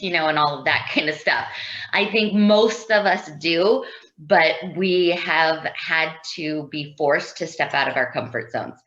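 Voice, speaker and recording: A woman's voice: low-pitched, a bit bright. A woman panelist talking casually and encouragingly to fellow professionals. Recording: dull lo-fi call audio.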